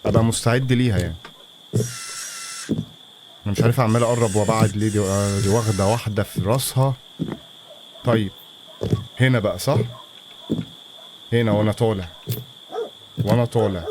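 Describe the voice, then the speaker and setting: A man's voice: lowish voice, fairly even intonation, fairly quick, long pauses, background noise. Jumpy Egyptian man playing a horror game. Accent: Egyptian Arabic. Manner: jumpy, talks to himself, nervous mutterings. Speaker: gaming channel host. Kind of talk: horror game let's-play commentary.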